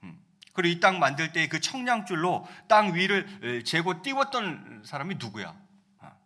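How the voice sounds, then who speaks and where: A man's voice: fairly high pitch, big pitch swings, moderate pace, sharp tone. A male pastor giving a conversational sermon, often asking the congregation rhetorical questions.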